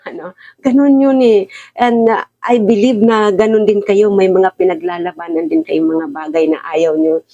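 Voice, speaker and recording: A woman's voice: a little high, animated, moderate pace, gravelly, dark tone, dull audio. A middle-aged woman giving a casual, confiding Bible talk, laughing often and switching into English now and then. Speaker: Bible study teacher.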